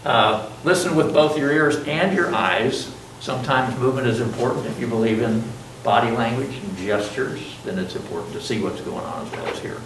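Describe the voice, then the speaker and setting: A man's voice: medium pitch, normal speed, few pauses, noisy background. An older man lecturing a college class through a mask, chatty, joking at himself and asking the students questions. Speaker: college instructor. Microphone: masked, speaking in a classroom. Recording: roomy classroom sound from a distance.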